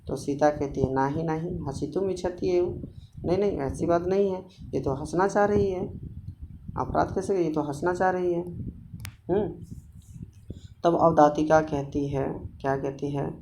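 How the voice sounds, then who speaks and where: A man's voice: a little high, unhurried, gravelly, pauses often, background noise. Man explaining a Sanskrit play in Hindi. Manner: reads Sanskrit lines, then explains them in plain Hindi with many restarts. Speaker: Sanskrit teacher.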